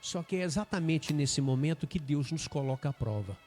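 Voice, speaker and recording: A man with a Brazilian Portuguese accent, a pastor telling a story in a sermon with emphatic, dramatic pauses. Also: fairly high pitch, animated, darkish tone, faint music behind.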